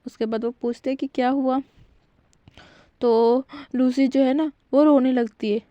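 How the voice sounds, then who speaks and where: A woman's voice: sits high, fairly even intonation, a little slow, warm tone, no room sound, muffled recording. A woman casually retelling a fan fiction story in a chatty way, with fillers and self-corrections.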